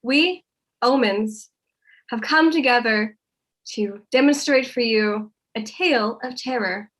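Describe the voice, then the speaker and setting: A woman's voice: a little high, slow pace, a bit bright. A woman playing a solemn, ominous vintage horror narrator with formal, dramatic delivery.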